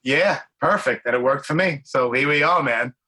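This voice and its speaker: A New man in his forties hosts a laid-back podcast chat. His voice is bright and forceful, and he talks in loose, rambling runs full of "like" and restarts. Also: mid-range voice, moderate pace, breathy edge. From Brooklyn, New York. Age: 40s. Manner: rambling, filler-heavy, enthusiastic. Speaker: podcast host. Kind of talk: casual interview chat.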